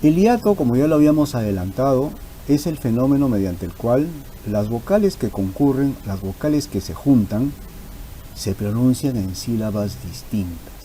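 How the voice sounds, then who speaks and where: Male teacher, warm low voice, patient and repetitive, faint hiss behind. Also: expressive, normal speed, rough recording. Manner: patient, repeats key terms for emphasis. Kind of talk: explanatory grammar lesson.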